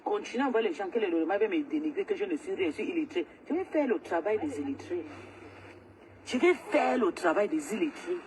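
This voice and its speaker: A woman's voice: fairly low pitch, expressive, a little fast, a little hiss or hum, low-quality recording. A woman, ranting angrily and repetitively during a live stream. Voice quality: agitated, loud, repetitive ranting. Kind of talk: angry social media livestream rant.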